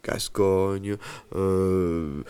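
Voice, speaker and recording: A man teaching an Occitan lesson, explaining words slowly with hesitant fillers. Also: deep voice, steady tone, dark tone, clean tone, no echo. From southern France. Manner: slow, hesitant, many fillers.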